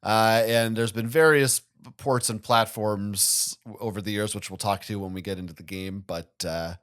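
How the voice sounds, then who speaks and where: A man's voice: lowish voice, steady tone, moderate pace, fairly bright tone. A man co-hosting a gaming podcast, chatty and playful, teasing his co-host as he goes. He reads a scripted intro, then shifts into loose, joking banter. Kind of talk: scripted narration then casual chat.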